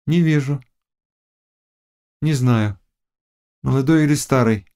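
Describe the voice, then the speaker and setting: A man voicing a fierce, mocking young witch and fortune-teller in an audiobook, chanting incantations in a high, loud voice. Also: slow, clear, resonant tone. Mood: cryptic. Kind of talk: audiobook character reading.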